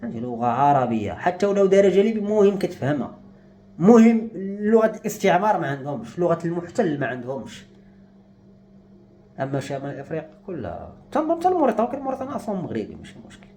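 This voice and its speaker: A man's voice: fairly high pitch, very animated, racing, warm tone, slight background noise. A young man with a Moroccan Arabic accent, speaking to camera in an agitated, despairing rant. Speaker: vlogger. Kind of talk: emotional monologue to camera.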